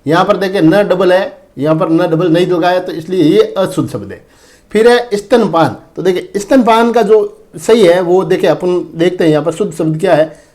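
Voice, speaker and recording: A man's voice: sits high, moderate pace, darkish tone. A man teaching an exam-prep lesson on spelling. He talks in a repetitive way and keeps calling his viewers friends and brother. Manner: repetitive, addresses viewers as friends and brother, often says "dekhen".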